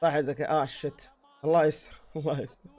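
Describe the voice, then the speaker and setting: A man's voice: fairly high pitch, flat delivery, racing, a little mellow, faint music behind. A man giving a live football match reaction, exclaiming and heckling the players into his own microphone. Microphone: own desk microphone.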